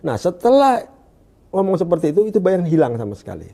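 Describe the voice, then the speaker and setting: In a conversational interview, an Indonesian man appears as a guest giving testimony about his experience. His mellow voice sits slightly raised, with wildly swooping pitch and vocal fry, and he stops and restarts while searching for words. Whenever he quotes someone, he drops to a hushed, low voice.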